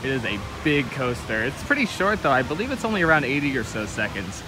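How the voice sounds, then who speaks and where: A man's voice: mid-range voice, sing-song, fast talker, noisy background. A young man in his twenties walking and talking through a theme park, chatting casually with lots of fillers, recorded on a handheld phone. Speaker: vlogger. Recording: loud music behind the voice. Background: music.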